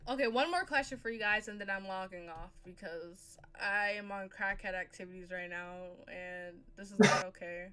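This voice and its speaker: A young woman hosting a casual podcast, talking loosely and breaking into loud bursts of laughter. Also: medium pitch, moderate pace, few pauses, clear, resonant tone. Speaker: podcast host. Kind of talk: casual chat.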